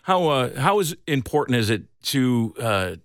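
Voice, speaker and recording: A man's voice: mid-range voice, big pitch swings, a little slow, fairly bright tone, no echo, clean studio sound. A man hosting an interview who speaks with enthusiasm and rambles, often restarting his questions partway through. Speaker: interviewer host. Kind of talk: casual interview.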